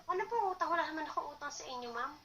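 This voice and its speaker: A woman's voice: high-pitched, expressive, rapid-fire, pushed and bright, recorded from a distance, a little hiss or hum. A woman on a phone call, answering politely and sounding startled and confused. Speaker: prank call recipient. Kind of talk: phone conversation.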